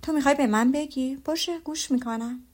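A woman's voice: high voice, darkish tone, natural voice. A woman voicing an unbothered older husband who answers in a dry, teasing way.

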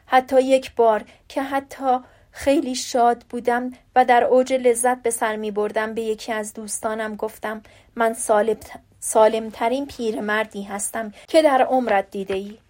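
A woman reading as a gentle dying old professor. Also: fairly high pitch, steady tone, close to an everyday voice. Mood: reflective.

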